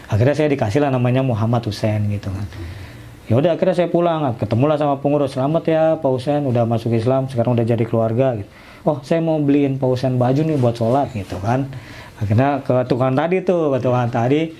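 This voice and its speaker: A man's voice: medium pitch, fast. A man telling his own conversion story in a casual interview, acting out the voices of people he quotes. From Indonesia. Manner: animated retelling with quoted dialogue.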